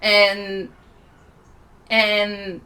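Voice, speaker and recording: Puerto rican lady in her 40s giving a talk, slow and thoughtful, lots of ums, bright clear-ish tone. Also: mid-range voice, monotone. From Puerto Rico. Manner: unhurried, reflective, with many pauses and fillers. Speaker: musician and healer speaking at a conference. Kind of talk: conference talk.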